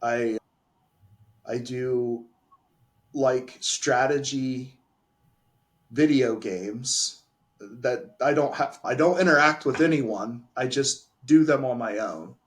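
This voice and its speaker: A man's voice: mid-range voice, takes it slowly, pauses often. A man, a pharmacy owner, giving candid and emphatic answers in a casual interview. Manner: candid, emphatic, restarts phrases.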